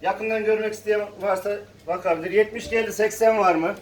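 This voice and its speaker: A man's voice: sits high, fairly even intonation, brisk, slight background noise. A man working as a live auctioneer, calling out bids in repetitive, chanted phrases. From Turkey, Konya region. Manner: repetitive chanted bid calls. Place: echoey auction room with audience. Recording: echoey hall, distant mic, crowd chatter.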